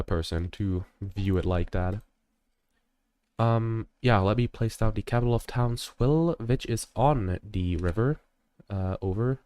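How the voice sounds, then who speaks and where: A man's voice: on the low side, darkish tone, no room sound. A young man streaming a strategy game, rambling and jokey in casual commentary, full of fillers.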